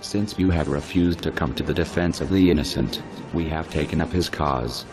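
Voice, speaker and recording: A man with his voice disguised and pitched down very deep, reading a scripted threatening statement in a slow, measured, menacing way. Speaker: spokesperson for a hacker collective. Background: music.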